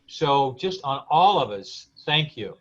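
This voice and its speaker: A man's voice: mid-range voice, big pitch swings, slow, fairly bright tone. A man hosting a casual live-stream interview in an informal, rambling, earnest way. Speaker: event host interviewing guests. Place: remote live video stream. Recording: dull, lo-fi call audio.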